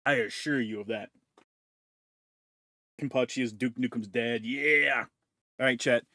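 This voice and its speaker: A man's voice: mid-range voice, unhurried, bright, forceful tone, no echo, clean studio sound. A man streaming from home, chatting casually and crudely with his chat while eating and chewing into a desk mic. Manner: crude, joking, talks while chewing food. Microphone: desk mic with noise removal.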